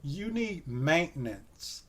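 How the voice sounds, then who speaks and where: A man hosts a casual interview, his voice sitting somewhat high for a man. He rambles easily, leans on fillers, and speaks straight to his audience. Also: slow. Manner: relaxed, rambling, many fillers like "you know"; addresses viewers directly. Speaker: host.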